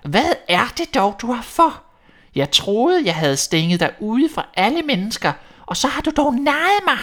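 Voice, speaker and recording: A man doing a shrill, spiteful old witch. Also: sing-song. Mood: scolding. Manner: shrill, drawn-out calling and scolding.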